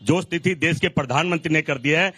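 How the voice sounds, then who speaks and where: A man's voice: on the high side, fairly quick, pushed and bright, breathy edge, no echo. A man speaking for the opposition in a debate, accusatory and mocking in a rhetorical way. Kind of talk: debate argument.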